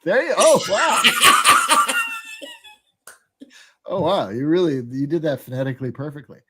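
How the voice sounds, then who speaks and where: A man's voice: fairly high pitch, huge pitch swings, a little slow, sharp tone, husky. A man co-hosting a podcast in casual chat, rambling with lots of fillers and frequent laughter. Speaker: podcast co-host.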